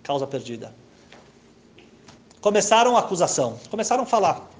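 A man telling a story in a lively way, acting out each character as he goes. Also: sits high, a little fast, slight background noise. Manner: animated, acts out every character. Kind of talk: lively anecdote told to an audience.

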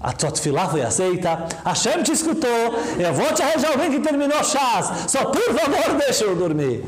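A man's voice: fairly high pitch, huge pitch swings, moderate pace, voice pushed up. A man voicing a weary older rabbi who patiently pleads to be left to sleep.

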